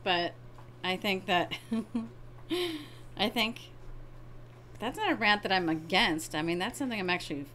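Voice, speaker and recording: A middle-aged woman co-hosting a podcast with her daughter, chatty and self-deprecating with quick asides. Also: mid-range voice, expressive, bright, forceful tone, slight background noise, low-quality recording. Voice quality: hard of hearing. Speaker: co-host, mother. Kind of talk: casual podcast chat.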